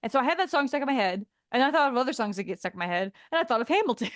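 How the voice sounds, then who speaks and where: A woman's voice: on the high side, lively intonation, rapid-fire, no room sound, studio quality. A woman co-hosting a podcast in casual chat, laughing often as she talks. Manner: giggly, laughs often while talking. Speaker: podcast co-host.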